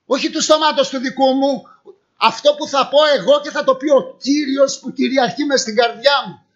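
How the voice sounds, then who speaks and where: A middle-aged man preaches in a church hall, his voice sitting high for a man. He reads scripture aloud, then explains it through questions he answers himself. The recording is dull and lo-fi. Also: a bit bright. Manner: asks rhetorical questions and answers them. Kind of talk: sermon.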